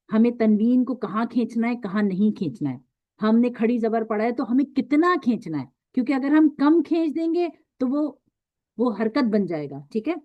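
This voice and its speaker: A woman with a fairly high voice teaches Quran recitation in an online lesson, patiently repeating each point and drawing the letter sounds out slowly. The recording is dry and a little dull, with no room around her. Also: dry recording.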